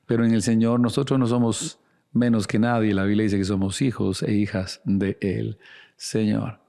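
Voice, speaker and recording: A man's voice: lowish voice, flat delivery, moderate pace, vocal fry, warm tone. A man preaching a sermon as a pastor, earnest and speaking straight to the listener with direct questions. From Latin America.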